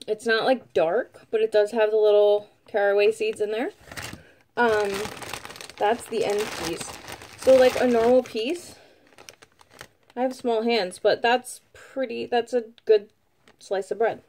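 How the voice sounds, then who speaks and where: A woman's voice: fairly high pitch, steady tone, measured pace, a little mellow, a little hiss or hum. A woman giving a casual product review at home, chatty and rambling with lots of fillers, sometimes talking while eating. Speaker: vlogger reviewing food.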